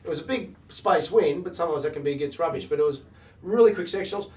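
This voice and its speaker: A man's voice: a little high, fast talker, a little mellow. A man hosting a casual horse racing chat, analysing races in clipped, punchy, jargon-heavy phrases. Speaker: host of a horse racing talk show. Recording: distant mic.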